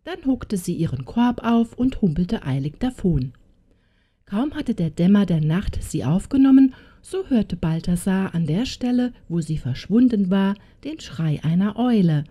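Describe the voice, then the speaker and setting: A woman narrating a fairy tale audiobook in a slow, expressive way. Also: mid-range voice.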